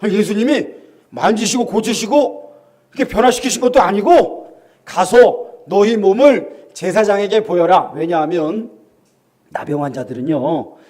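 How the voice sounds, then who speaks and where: High-voiced pastor, lively animated sermon. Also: male voice. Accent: Gyeongsang Korean. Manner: animated storytelling, shouting acted quotes; asks the congregation questions.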